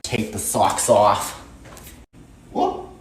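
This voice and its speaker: A man's voice: mid-range voice, big pitch swings, normal speed, pushed and bright, a little hiss or hum. A young man doing sassy, blunt, profane comedy monologues to camera. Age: young adult. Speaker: comedic content creator.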